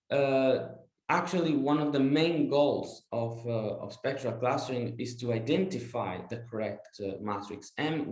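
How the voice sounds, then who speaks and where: A young man with an Italian accent presenting his PhD research over slides, explaining carefully with many "uh" pauses. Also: mid-range voice, darkish tone, roomy sound. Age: young adult.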